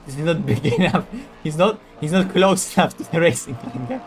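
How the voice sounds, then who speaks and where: A man's voice: a little high, loud music behind the voice. A man streaming a sim race, joking with teammates over voice chat and calling out hazards. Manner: joking, quick spotter calls. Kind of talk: casual team voice chat during a race.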